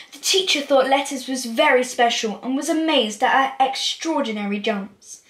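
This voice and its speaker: A young girl of about 10 to 13, her voice high and fairly bright, reads a children's picture book aloud with careful expression and the occasional stumble. She's indoors in a small room at home, and the recording has that small-room echo.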